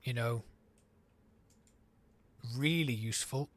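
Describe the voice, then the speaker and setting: A man's voice: medium pitch, takes it slowly. A man streaming a city-building game, chatting and thinking aloud as he plays. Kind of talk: let's play commentary.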